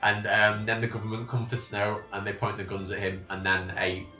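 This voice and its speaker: A man recapping a game's plot from memory in casual chat, rambling and halting, with lots of restarts. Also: on the low side, completely flat delivery, bright, forceful tone, soft background music. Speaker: podcast host. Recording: roomy, slightly dull home recording.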